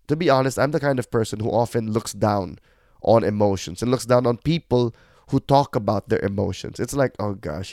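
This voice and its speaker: A man's voice: medium pitch, darkish tone, dry recording, studio quality. A middle-aged man, hosting a reflective podcast monologue in a candid, self-deprecating, conversational way. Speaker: podcast host.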